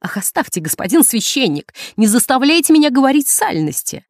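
A woman's voice: mid-range voice, sing-song, normal speed, darkish tone, dry recording, clean studio sound. Woman voicing a scandalized, urgent nun. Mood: indignant. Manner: urgent, pleading, hissing indignation. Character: pale, agitated old nun, prim and scandalized. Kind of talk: audiobook character voice.

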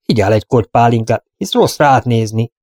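A man voicing a gruff, plainspoken middle-aged sheriff who talks directly. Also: mid-range voice, animated, a little mellow, dry recording, clean studio sound, natural voice.

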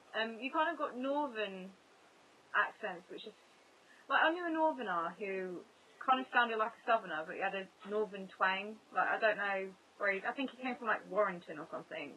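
Casual woman co-host, chatty and giggly, mid-pitched voice. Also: animated, normal speed, sharp tone, dull audio, a little hiss or hum. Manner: chatty, laughs often. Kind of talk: casual chat watching a show.

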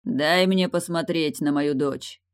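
Brief: woman reading stern older lord, slow and icy, storybook. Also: low voice, no room sound, studio quality. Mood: cold. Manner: cold, clipped, measured. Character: stern middle-aged male marquis, cold and curt.

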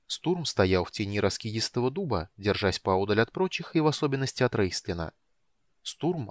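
Brief: male narrator for a fantasy audiobook, low voice, dry close studio sound, steady and measured. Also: dry recording.

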